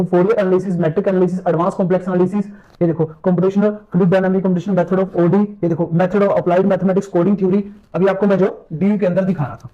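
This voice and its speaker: A man with a high-pitched, warm voice teaches math exam prep in a screen-share lecture, walking through the syllabus and urging viewers to watch closely. He speaks casual Hindi with English math terms mixed in, and the sound is lo-fi.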